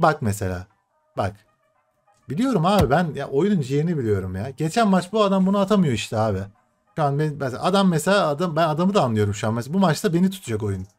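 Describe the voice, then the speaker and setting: A young man commentating his own football video game matches, excitable and swearing, shouting at the game and then muttering to himself. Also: mid-range voice. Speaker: gaming streamer.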